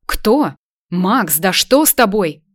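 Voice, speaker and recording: A woman's voice: mid-range voice, big pitch swings, slow, no room sound. Woman voicing a flustered young mother, tense, defensive, audiobook, dry sound. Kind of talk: audiobook character voice.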